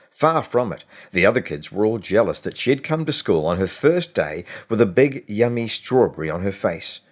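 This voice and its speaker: A short story is narrated by a man whose voice is low-pitched, in the scripted style of an audiobook. He takes a measured, expressive approach and leaves deliberate pauses.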